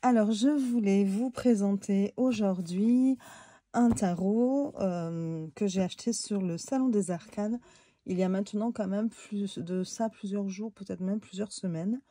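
A woman's voice: medium pitch, a little slow, dark tone, no echo, clean studio sound. A woman with a head cold, talking nasally and hesitantly through a casual tarot deck review. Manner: hesitant, many fillers, chatty.

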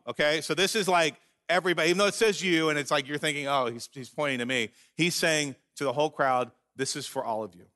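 Guy pastor preaching in church, bright clear voice, earnest and emphatic. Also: mid-range voice. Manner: earnest, emphatic preaching with slowed scripture reading. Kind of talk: sermon. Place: church sanctuary.

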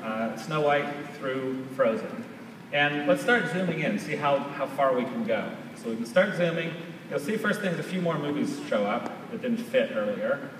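A male presenter with a mid-range voice demonstrates an app during a live product demo on a large auditorium stage, speaking in a conversational, explanatory way. A distant camera far back in the audience picks up his voice through the PA, so the sound is echoey, far-off and noisy.

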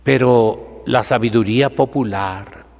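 Older priest preaching slowly in a reverberant chapel. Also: male voice, mid-range voice, gravelly, a little mellow. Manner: slow, emphatic preaching with sweeping rises and drops. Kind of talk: sermon. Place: chapel sanctuary, seated by the altar.

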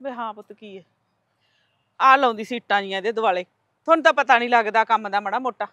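A woman's voice: on the high side, quick pace, muffled recording. A woman playing a scolding village mother-in-law. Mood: grumbling. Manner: loud, scolding, sharp-tongued. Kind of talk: village family drama acting.

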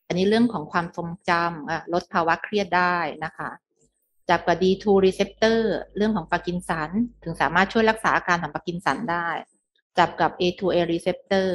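A middle-aged woman giving a medical lecture, explaining step by step with English terms and frequent polite particles. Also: mid-range voice.

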